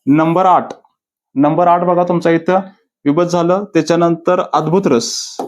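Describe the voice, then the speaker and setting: A man with a slightly high-pitched voice leads a recorded exam-prep lesson. He poses each question aloud, answers it, then repeats the answer like a drill. Quoted verse lines come out slow and deliberate. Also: steady tone. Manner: repetitive, quizzing himself with question-and-answer drills. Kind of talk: classroom-style video lecture.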